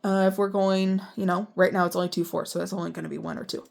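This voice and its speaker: Her voice sits on the low side, congested and edged with vocal fry, and she moves quickly. She's a music teacher explaining rhythm reading, counting beats in strict, even syllables and slipping in chatty, self-mocking remarks between them.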